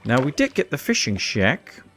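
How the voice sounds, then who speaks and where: A man's voice: medium pitch, huge pitch swings, normal speed, a bit bright. A man hosting a let's play, casually commentating his gameplay and thinking aloud as he plans each step.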